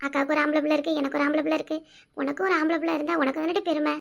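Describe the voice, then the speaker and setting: Woman doing a shrill bossy village woman. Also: flat delivery, rapid-fire, gravelly. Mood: scolding. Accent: Kanyakumari Tamil. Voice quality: shrill, scolding. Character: bossy devout village woman, quick-tempered. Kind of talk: village cartoon comedy.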